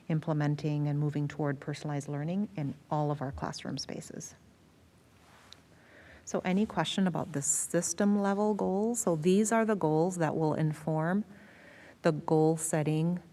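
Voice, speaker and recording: An American school district superintendent, a woman with a low, dark-toned voice, presents at a school board meeting. She explains matters and repeats words to stress them.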